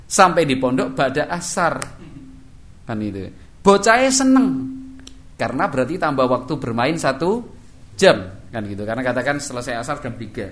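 A middle-aged preacher with a Javanese accent gives a casual, conversational religious study lecture in a mid-range, slightly bright voice. His intonation is lively and his pace a little fast. He acts out everyday dialogue in shifted voices and keeps returning to the verbal tic "kan itu."

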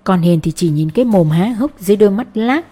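A woman narrating a story with a warm, mellow voice. She reads at a steady, measured storytelling pace. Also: mid-range voice, slightly rough. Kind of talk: scripted audiobook narration.

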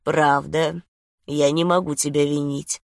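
A woman's voice: sits low, fairly even intonation, unhurried, no echo, clean studio sound. A woman playing a smug, seductive man. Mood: teasing.

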